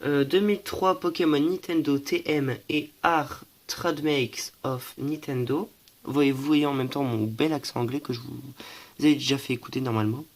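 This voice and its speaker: A man's voice: medium pitch, fairly even intonation, normal speed. A young man from France showing his collection in a casual show-and-tell, hesitant, with many fillers and self-corrections, and stuffy from allergies. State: stuffy, coughing.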